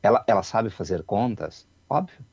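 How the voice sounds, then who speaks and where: Radio guest, man, dark and relaxed tone, dry close mic, reflective talker. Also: lowish voice, moderate pace, vocal fry, breathy edge, no echo, dull audio. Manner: reflective, repeats words, many "né?" tags. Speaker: guest, childhood researcher. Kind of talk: radio interview, explaining.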